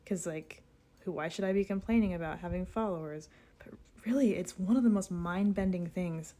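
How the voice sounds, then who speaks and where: A woman's voice: fairly low pitch, normal speed, dark tone. A young woman, chatting casually and giggling with her live-stream chat. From United States.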